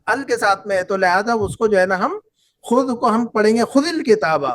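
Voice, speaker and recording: A man's voice: sits high, lively intonation, moderate pace, fairly bright tone. A man teaching an Arabic class, patiently repeating phrases and quizzing his students. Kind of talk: online class lesson.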